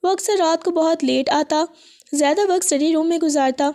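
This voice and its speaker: High-voiced woman reading a romance novel. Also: warm tone. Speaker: novel reader.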